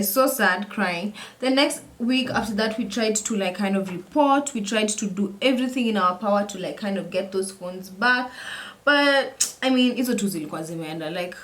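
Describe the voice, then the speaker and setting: Girl in her 20s chatting thru her makeup, lively storytelling, keeps repeating herself. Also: medium pitch. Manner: animated, repeats phrases, mixes in Swahili words. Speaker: vlogger. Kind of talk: casual storytelling while doing makeup.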